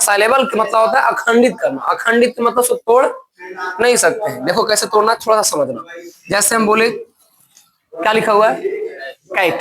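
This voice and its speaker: A male teacher gives a classroom grammar lesson. He explains slowly, then asks the class questions and answers them himself. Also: sits high.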